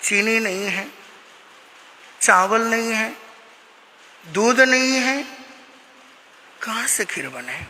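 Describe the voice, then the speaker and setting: A man's voice: high-pitched, slow, pauses often, bright, forceful tone, a little hiss or hum, voice pushed down, heavily acted. A man voicing a poor, grieving mother who blames herself, with a wailing, lamenting manner. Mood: tender pleading. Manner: wailing lament, sobbing cries. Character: poor grieving mother, adult woman, self-blaming. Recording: echoey hall reverb.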